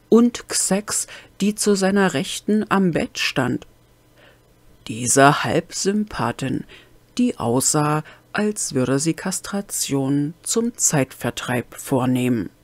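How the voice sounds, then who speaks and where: Female audiobook narrator, unhurried pace, dry close-mic home recording. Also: low-pitched, no room sound. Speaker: audiobook reader. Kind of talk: fan-made audiobook narration.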